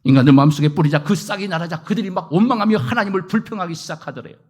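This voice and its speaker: A middle-aged male pastor preaching a sermon, acting out prayers and quoted voices and swinging from loud declarations to hushed asides. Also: high voice, rapid-fire.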